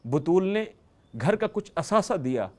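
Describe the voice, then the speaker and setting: A male religious speaker tells a sacred story as an emotional sermon. His voice sits a little high, and he pushes up sharply in pitch and force at the moving moments. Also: sing-song. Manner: impassioned, with dramatic rises on lists and key phrases.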